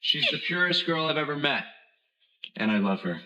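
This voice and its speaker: Casting: proud rich fiancé, male, forceful tone, slightly dull broadcast sound. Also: a little high, big pitch swings, moderate pace, heavily acted. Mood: proud, devoted. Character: wealthy groom proudly declaring his love. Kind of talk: melodramatic drama announcement.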